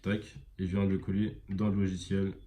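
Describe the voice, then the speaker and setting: A man giving a casual screen-recorded software tutorial, rambling with many fillers and self-corrections. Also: deep voice, flat delivery, fairly quick, a little hiss or hum. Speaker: e-commerce tutorial presenter.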